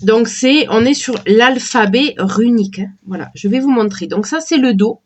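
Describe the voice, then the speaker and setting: A woman with a cold and a sore throat, slowly and hesitantly chatting while showing a deck of oracle cards. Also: fairly high pitch. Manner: slow, hesitant, many fillers and restarts. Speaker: tarot and oracle card reviewer. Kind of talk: casual unboxing chat.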